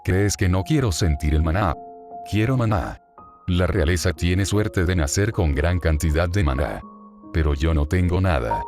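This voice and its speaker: A man reading the lines of a short, hot-headed young man without magic in a fan story, loud and complaining. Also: deep voice, animated, moderate pace, over music. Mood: frustrated.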